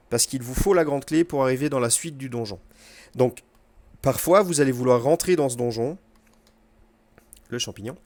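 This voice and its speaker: A man's voice: fairly high pitch, dry recording. Man casually explaining a game run. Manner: relaxed explaining with fillers and quick asides to the game. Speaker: gaming video host. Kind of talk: casual gameplay commentary.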